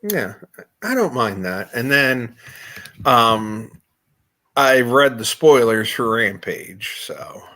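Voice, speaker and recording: A man co-hosting a casual wrestling podcast speaks at a slow, unhurried pace. He mostly chimes in with brief agreements before adding his own short remarks. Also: mid-range voice, expressive, bright, forceful tone. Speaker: podcast co-host.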